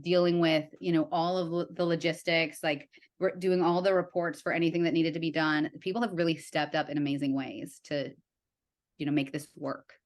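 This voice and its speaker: A young adult woman, a guest in a casual conversation, telling stories in an animated way with lots of fillers and acted-out quotes. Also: deep voice, normal speed. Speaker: guest, writer and art director.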